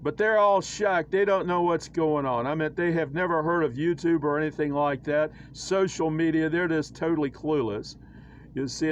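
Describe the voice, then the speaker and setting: A man giving casual commentary on his own church illustrations, halting with many fillers and a wry, preachy tone. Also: on the high side, muffled recording, slight background noise. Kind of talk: casual screen-share commentary.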